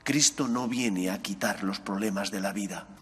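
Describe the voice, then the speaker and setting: A middle-aged male priest reading the gospel and preaching a homily at an ambo, earnest, his voice rising on questions and dropping soft on key words. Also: lowish voice, moderate pace, slight background noise. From Spain. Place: chapel sanctuary, at an ambo. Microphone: gooseneck mic on ambo. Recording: long church reverb.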